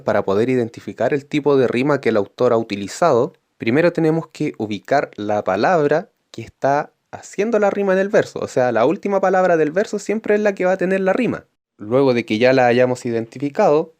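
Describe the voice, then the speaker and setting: Chilean male schoolteacher, mid-pitched, calm and explanatory, recorded class for children. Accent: Chilean Spanish. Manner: patient, explanatory, reads textbook passages aloud. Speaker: teacher. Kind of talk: recorded online lesson for fifth graders.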